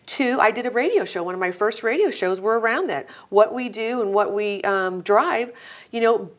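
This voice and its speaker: A woman's voice: fairly high pitch, lively intonation, moderate pace. A woman from the American Midwest co-hosting a talk show, speaking earnestly and reflectively in casual conversation. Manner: earnest, musing. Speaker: co-host.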